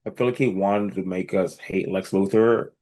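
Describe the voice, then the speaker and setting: Man, podcast co-host, deep voice, blunt, swears, casual chat. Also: steady tone, normal speed, dark tone. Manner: blunt, swearing, searching for words. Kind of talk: casual movie review chat. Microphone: podcast microphone.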